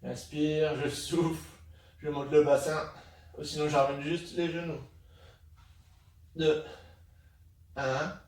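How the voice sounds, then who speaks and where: Heard from a distance in an echoey room with music playing, a male fitness instructor leads a live class. His voice sits high for a man as he counts down the reps and calls out breathing cues. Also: little pitch movement, slow, long pauses, a little mellow. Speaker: fitness coach leading a home workout class. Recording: roomy, distant mic with music. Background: workout music.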